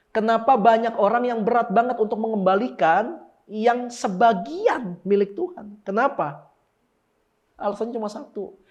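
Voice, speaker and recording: A man preaching a sermon in a lively, casual way, firing off rhetorical questions and slangy asides. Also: high voice, lo-fi sound. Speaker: pastor. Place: church service.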